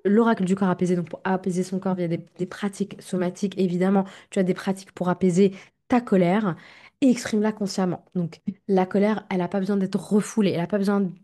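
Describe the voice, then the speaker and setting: A woman's voice: medium pitch, steady tone, fast talker, warm tone. A woman hosting a self-help podcast, talking straight to the listener and checking in with "ok?". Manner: direct, speaks straight to the listener with frequent "ok?". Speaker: therapist and podcast host.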